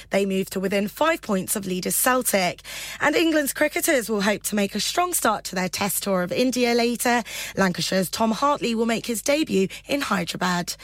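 A woman with a British accent reading a scripted radio news bulletin in a measured, formal delivery. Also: mid-range voice, fairly bright tone, no echo. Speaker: radio newsreader.

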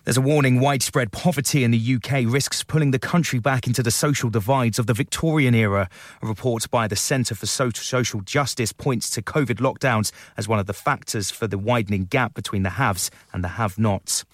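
A man's voice: mid-range voice, brisk, no room sound, clean studio sound. A British man reading a scripted radio news bulletin as a newsreader.

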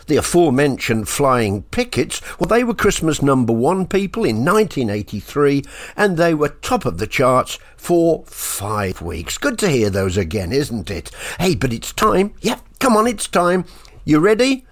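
A man's voice: fairly high pitch, big pitch swings, measured pace. A man with a Birmingham accent, presenting a radio show in a chatty, playful way with swooping exclamations.

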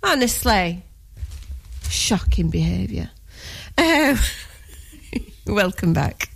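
A woman's voice: mid-range voice, big pitch swings, drawn-out words, creaky, husky. A woman with a Lancashire accent presenting casual live radio in a chatty, giggly, colloquial way.

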